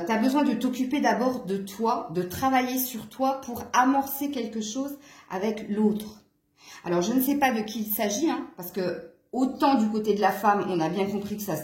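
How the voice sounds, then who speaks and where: Woman, southern French accent, casual card reading, talkative, highish pitch, roomy echo. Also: darkish tone. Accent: southern French fading toward Franche-Comté. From eastern France. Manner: chatty, laughing often, scolding her cat between cards. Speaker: card reader. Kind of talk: casual tarot reading to camera.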